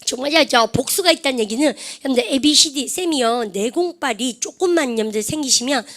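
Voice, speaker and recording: Lively woman teaching English grammar. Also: sits high, a little fast. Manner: lively, keeps quizzing students with questions; drills English pronunciation aloud. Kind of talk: online TOEIC grammar lecture.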